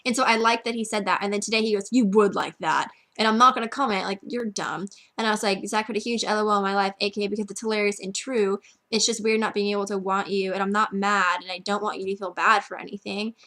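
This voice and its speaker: A woman's voice: mid-range voice, fairly even intonation, quick pace, hardly any pauses, fairly bright tone. Chatty teen girl with endless "like"s. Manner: chatty, constant "like" filler. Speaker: vlogger. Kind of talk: casual storytelling to a friend.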